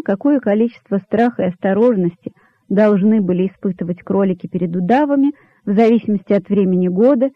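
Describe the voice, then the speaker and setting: A male audiobook narrator giving a measured, expressive storybook reading. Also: sits high, no echo. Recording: dull lo-fi dry recording.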